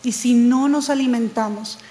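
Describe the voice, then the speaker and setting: A woman preaching a sermon, telling a personal testimony in an animated way. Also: on the high side, moderate pace, long reverb tail, low-quality recording. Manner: animated storytelling, quoting others, laughing at herself.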